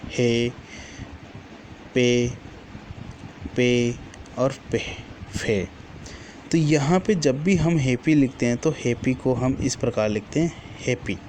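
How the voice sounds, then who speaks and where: Male teacher, unhurried and patient, mid-pitched voice, repeats words twice, faint hiss behind. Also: a little mellow. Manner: patient, repeats each word list twice; corrects himself mid-sentence. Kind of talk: classroom lesson.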